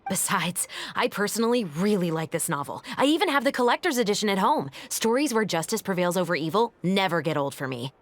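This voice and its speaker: A woman's voice: medium pitch, sing-song, a little fast, hardly any pauses, lightly acted. Woman voicing a level-headed police captain. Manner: level, matter-of-fact. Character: calm, principled female police captain. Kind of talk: game cutscene dialogue and story retelling.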